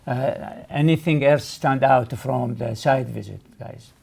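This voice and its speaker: A man's voice: mid-range voice, unhurried, creaky, darkish tone. A man hosting a studio talk show, prompting guests to speak up. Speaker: TV show host.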